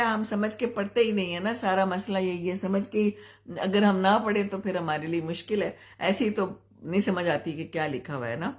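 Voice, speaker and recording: An older woman from Pakistan, hosting a live stream and giving gentle advice while answering viewers' comments. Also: on the low side. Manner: gentle, advising, chuckles often.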